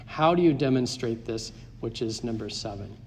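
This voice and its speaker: A man's voice: medium pitch, expressive, moderate pace, a little mellow, a little hiss or hum. A man giving a structured conference presentation as a consultant, stressing key points and walking through numbered questions. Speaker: market access consultant. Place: conference hall. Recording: live talk in a hall.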